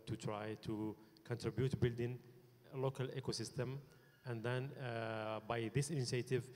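A man's voice: mid-range voice, darkish tone. A man, a ministry director, introducing himself formally on a conference panel with a handheld mic in a large hall. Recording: long hall reverb.

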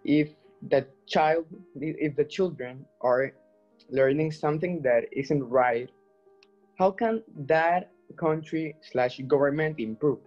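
A teenage boy from Colombia, whose first language is Spanish, speaks calmly and plainly to a webcam. The sound is a little dull and muffled. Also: a little high, takes it slowly, soft background music. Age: teens. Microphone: laptop webcam.

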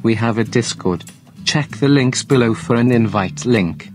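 A synthetic text-to-speech male robot voice reading a show outro in a flat, depressed-sounding way. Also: medium pitch, unhurried, music in the background. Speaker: automated outro announcer.

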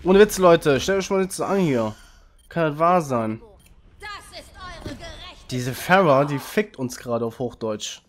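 A man commentating his own online shooter match, frantic and loud, urging his team on and cursing opponents. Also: fairly high pitch, expressive, slow pace, long pauses. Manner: frantic, urging teammates, swearing at enemies. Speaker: gaming channel host. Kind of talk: excited live game commentary.

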